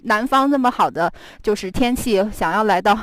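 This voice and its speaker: A woman's voice: mid-range voice, animated, brisk, no echo, rough recording. A woman hosting a live stream outdoors while walking on a snowy stretch of wall, chatting in a giggly, talkative way and switching between English and Mandarin. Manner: chatty and giggly, laughing often. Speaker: live stream host and guide on a walk. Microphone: handheld camera follows her while she walks.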